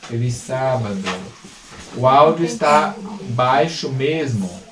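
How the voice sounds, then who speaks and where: A man's voice: mid-range voice, lively intonation, echoey room, far from the mic, noisy background. A male missionary host in casual religious chat, speaking with careful articulation and often adding "né?". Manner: explains with deliberate articulation, frequent "né?".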